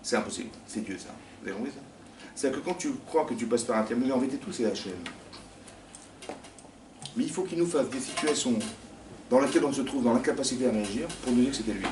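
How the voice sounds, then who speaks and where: A man's voice: medium pitch, fast talker. A man teaching a religious class to a live group, firing rhetorical questions at his listeners and acting out imagined dialogues. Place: study hall classroom. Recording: echoey room, distant mic, faint noise.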